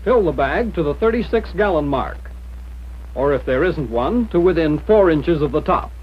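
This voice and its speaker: Speaking at a normal pace in a slightly rough, rather high voice, an American training film narrator delivers scripted 1940s military instructions. He is animated yet plain-spoken and direct, and the period soundtrack comes across muffled and dull.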